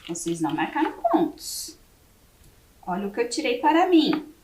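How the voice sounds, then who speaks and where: A Brazilian woman teacher with a Brazilian Portuguese accent, leading a word game for young children on a TV lesson and slowly spelling each word letter by letter. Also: on the high side, sing-song, a little mellow, echoey room, far from the mic, a little hiss or hum. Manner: slow, spelling words letter by letter. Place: classroom studio for educational TV.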